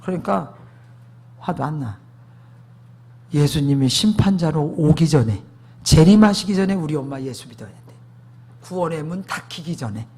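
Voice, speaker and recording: A man's voice: on the high side, expressive, normal speed, pauses often, dark tone, husky. A man preaching a sermon testimony, emphatic, asking the congregation rhetorical questions.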